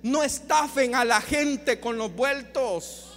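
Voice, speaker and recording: Male preacher, very high voice, fiery sermon at a church service with long hall echo, flips between shouting and near-hush. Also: slow pace. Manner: impassioned, swings between shouted emphasis and hushed appeals.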